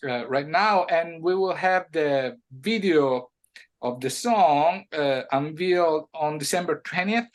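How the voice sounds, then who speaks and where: A man from Italy with an Italian accent, a music producer talking in a casual interview, halting with many restarts and sudden animated bursts. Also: fairly high pitch.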